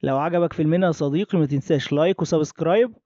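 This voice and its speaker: A man with an Egyptian accent tells a film's story at breakneck speed, lightly acting out each character's lines in an offhand, chatty way. His voice sits a little high and has a warm, mellow tone. The recording is dry and slightly dull. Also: dry recording. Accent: Egyptian Arabic. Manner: rapid colloquial retelling, acting out quotes lightly. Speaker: film recap narrator. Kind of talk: casual storytelling film recap.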